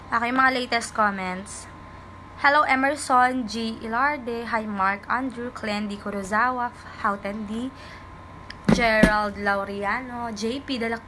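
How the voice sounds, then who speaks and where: A young woman from the Philippines talks in a casual livestream chat, polite and chatty as she reads out comments from fans. Her voice sits high, with a bright, crisp tone. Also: a little hiss or hum, poor audio.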